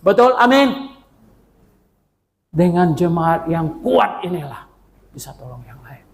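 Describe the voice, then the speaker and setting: Older man, pastor, sermon, animated, humorous, questions the congregation, reverberant church hall. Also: a little slow, vocal fry, slight background noise. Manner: animated, swings from loud exclamations to low asides.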